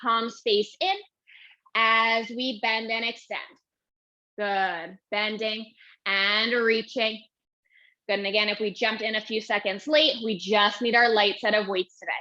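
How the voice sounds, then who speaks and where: Young female Pilates instructor, winded mid-workout, unhurried cueing, slightly high, lo-fi recording. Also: fairly even intonation, bright, forceful tone. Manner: counts reps and cues moves while exercising. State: out of breath. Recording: dull lo-fi audio.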